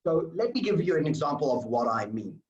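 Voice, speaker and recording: A man's voice: fairly high pitch, very animated, brisk, dull audio. Man giving an echoey online training. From South Africa. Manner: explanatory, with fillers and restarts. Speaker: workplace culture trainer.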